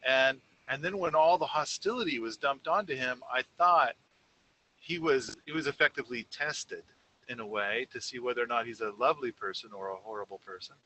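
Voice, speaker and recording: Bright-voiced man, casual rambling podcast chat. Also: mid-range voice, a little fast, slight background noise, poor audio. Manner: rambling, many restarts and fillers. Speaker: podcast co-host. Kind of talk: casual conversation.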